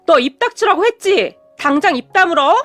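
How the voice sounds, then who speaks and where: A woman voicing a spoiled, whiny grown sister-in-law who shouts and complains tearfully. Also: high voice, expressive, normal speed. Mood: shrill whining.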